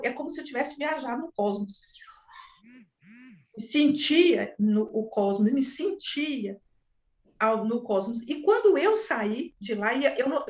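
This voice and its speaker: A woman telling a personal story in an animated, repetitive way, with sound effects. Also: high voice. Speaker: spiritual speaker. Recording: echoey room, dull lo-fi sound.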